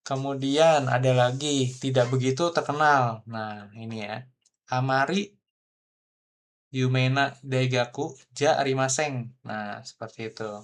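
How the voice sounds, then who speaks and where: A man's voice: mid-range voice, fairly even intonation, unhurried. A man teaching a beginner Japanese class online, explaining patiently in a casual way, over a video call. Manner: explains patiently, with frequent gitu ya fillers.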